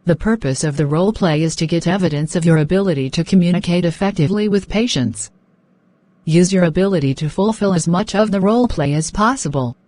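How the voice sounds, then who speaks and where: A woman's voice: on the low side, brisk, a little mellow. A woman working as a speaking test examiner, reading out scripted questions and instructions in a polite, formal way.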